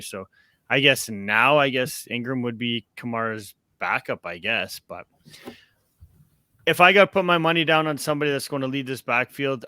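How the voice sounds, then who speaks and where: A man's voice: mid-range voice, pushed and bright, clear, resonant tone, no room sound, clean studio sound. A young man hosting a casual sports podcast, upbeat and rambling with plenty of fillers. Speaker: podcast host.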